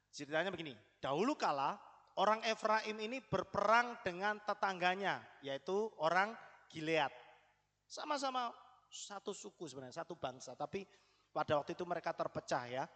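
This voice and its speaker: A man's voice: sits high, a bit bright, in a large hall. A man preaching a sermon in a conversational way, often putting questions to the congregation.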